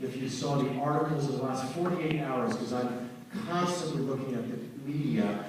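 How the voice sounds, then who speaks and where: A middle-aged man, a musician, telling stories to a concert audience with lively energy and jokes for the crowd. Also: mid-range voice, normal speed. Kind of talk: lively stage talk to an audience. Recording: very echoey hall, distant mic, faint noise.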